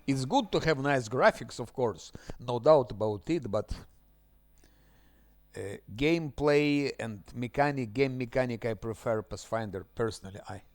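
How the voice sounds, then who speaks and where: A man from Ukraine with an Eastern European accent, giving casual commentary as he streams a game. He often mutters quietly to himself and restarts his sentences. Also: medium pitch. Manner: mutters quietly while playing, halting restarts.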